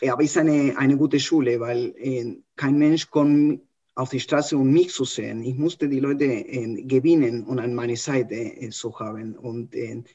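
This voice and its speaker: A man's voice: mid-range voice, steady tone, measured pace, mellow, slightly rough, lo-fi sound. A man in his fifties from Argentina with an Argentine Spanish accent, a street mime giving an interview, earnestly searching for words. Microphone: video call.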